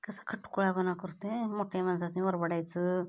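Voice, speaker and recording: A woman's voice: on the low side, fairly even intonation, normal speed, narrow, tinny audio. A woman, scolding and cooing at her cats in a casual home video. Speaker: cat owner vlogger. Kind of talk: casual talk to pet cats.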